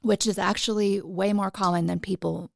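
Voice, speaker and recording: A woman's voice: medium pitch, fairly even intonation, normal speed, vocal fry, no room sound. A woman guest, an occupational therapist, answering casually and explaining clinical terms plainly. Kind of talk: casual interview chat.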